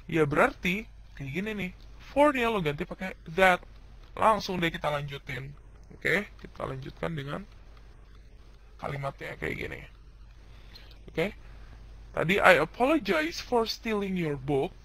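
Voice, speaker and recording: High-voiced man teaching in slang. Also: a bit bright, low-quality recording. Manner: slangy Jakarta-style casual teaching, upbeat. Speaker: English teacher. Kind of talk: casual video lesson.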